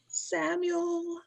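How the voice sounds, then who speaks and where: Playing the haunted, domineering, frightened wife of an old-time radio thriller, the actress gives an imperious, dramatic reading riddled with halting dread. This time panic takes over, and her voice goes very high and exaggerated, with vocal fry.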